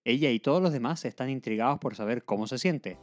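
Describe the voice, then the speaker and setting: A man's voice: medium pitch, fast, faint music behind. A man co-hosting a podcast, narrating an episode steadily in a casual way. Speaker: podcast co-host.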